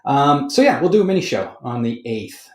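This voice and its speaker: A man hosting a podcast, talking loosely and correcting himself mid-sentence with sudden jumps in energy. His voice sits at an ordinary middle pitch, and the room gives it a noticeable echo. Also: moderate pace. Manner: rambling, self-correcting, animated. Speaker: podcast host. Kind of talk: casual chat. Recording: roomy studio echo.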